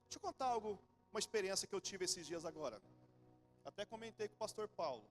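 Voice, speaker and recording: A man in his forties with a Brazilian accent, preaching a sermon in church, animated and then suddenly soft and low. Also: quick pace, soft background music. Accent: Brazilian Portuguese. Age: 40s. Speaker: pastor.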